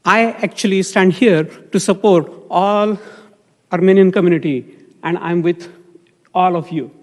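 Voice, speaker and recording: A man from India giving a public comment at a city council meeting, halting with many fillers and restarts. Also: high voice, a little mellow. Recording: long hall reverb.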